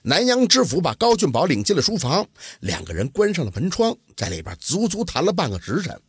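A man telling a folk tale in a lively, colloquial storytelling manner. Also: on the high side, fairly quick, slightly rough, dry recording, clean studio sound.

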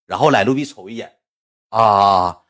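A man with a Northeastern Chinese accent casually telling stories to his livestream viewers and acting out the voices of the people in them. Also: normal speed. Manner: animated, acts out quoted voices with big pitch jumps.

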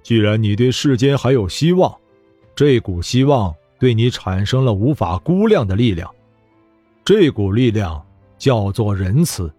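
A man voicing Zhong Kui, a stern male demon-queller, speaking solemnly with weighty pauses. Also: on the low side, sing-song, dark tone, no room sound, faint music behind.

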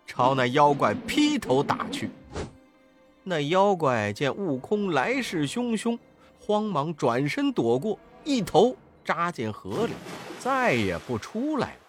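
A man narrating a children's storybook slowly and expressively, with dramatic rises. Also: fairly high pitch, big pitch swings, soft background music.

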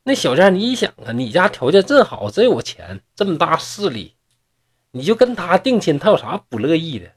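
A man's voice: a little high, sing-song, moderate pace, husky, pitched above the performer's own voice. A man with a Northeastern accent voicing a boastful, swaggering young man in a storybook tale. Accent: Northeastern Mandarin. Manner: brash, swaggering. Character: boastful young man, brash and confident cousin.

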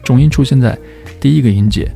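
A man teaching English pronunciation, patiently explaining each point step by step and sounding words out slowly. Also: medium pitch, creaky, dark tone, faint music behind. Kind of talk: explanatory lesson.

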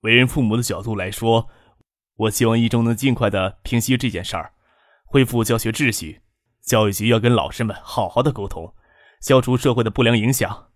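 A man voicing a calm senior male city official who speaks in an even, measured way. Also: mid-range voice, no room sound, close to an everyday voice.

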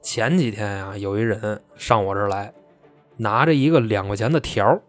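A man voicing a blunt young accountant cousin who talks with gruff scorn. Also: fairly low pitch, moderate pace, faint music behind, close to an everyday voice. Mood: scornful.

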